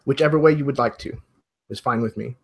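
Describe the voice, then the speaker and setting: This is a man with a husky, mid-range voice working as a game master. He improvises narration and gives the players instructions in measured, short phrases broken up by pauses.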